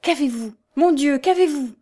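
A woman's voice: a little high, big pitch swings, moderate pace, darkish tone. A woman voicing an alarmed young husband. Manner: urgent, alarmed, protesting. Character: anxious young nobleman, bewildered husband.

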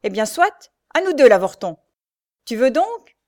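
A hulking young villain from a classic storybook, menacing and sneering, throwing out threats in a raised, loud voice. A woman narrator acts him out, pushing her voice up higher and harder for his taunts. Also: sing-song, normal speed.

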